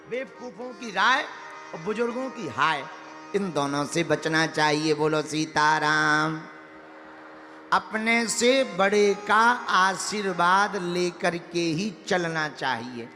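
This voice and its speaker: High-voiced preacher in an echoing hall. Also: male voice, pushed and bright. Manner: folksy, teasing, sing-song verses. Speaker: religious preacher. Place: large hall with an audience.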